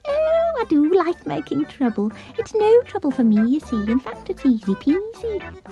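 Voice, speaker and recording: A woman voicing a gleeful, mischievous little cartoon girl with a gloating, singsong, drawn-out delivery. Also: high voice, very animated, warm tone, soft background music, rough recording. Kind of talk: children's cartoon voice acting.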